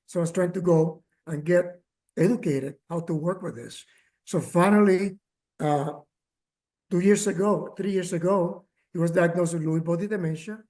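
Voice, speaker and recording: Guy telling his caregiver story at a workshop, lots of uhs, emotional, kinda high voice. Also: gravelly, a little mellow. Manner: halting, many fillers and restarts, emotional. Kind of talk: personal testimony, remote talk.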